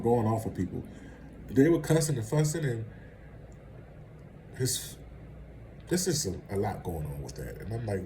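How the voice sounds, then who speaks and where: A man's voice: on the low side, noisy background. A man vlogging casual celebrity gossip commentary, rambling and conversational and laughing at his own asides.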